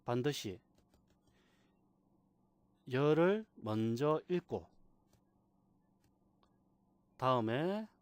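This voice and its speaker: A man teaching a software class, patiently repeating key terms and asking rhetorical questions. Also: medium pitch, sing-song, drawn-out words, long pauses, no echo. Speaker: computer instructor. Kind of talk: screen-recorded software tutorial.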